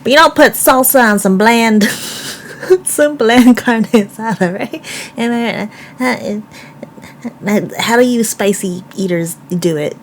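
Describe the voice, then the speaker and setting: A woman's voice: fairly high pitch, takes it slowly, slight background noise. A woman streamer giving casual reaction commentary, playfully exclaiming and bantering.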